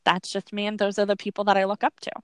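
A woman's voice: medium pitch, completely flat delivery, fast talker, clean tone, no room sound. A woman hosting a casual chat show, rambling informally in a slightly wheezy voice as if a little unwell. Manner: rambling, informal, laughs easily. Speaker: podcast host.

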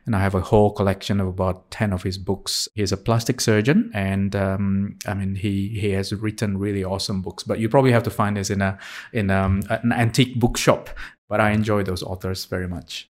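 A man in his forties who grew up in Singapore, answering interview questions as a surgeon in a thoughtful way, with frequent pauses and restarts. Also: fairly low pitch, little pitch movement, a little mellow. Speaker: surgeon guest.

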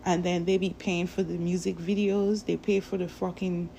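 A woman's voice: fairly low pitch, level tone, creaky, warm tone, slight background noise. A woman vlogger talking in a casual, profane, rambling rant to her viewers. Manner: profane, rambling, drawn-out delivery. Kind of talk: casual ranting monologue.

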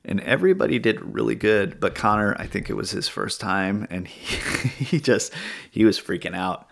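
A man with a very low, gravelly voice hosts a casual podcast chat. He tells his story in a loose, rambling way, pausing to search for words. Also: animated. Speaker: podcast host.

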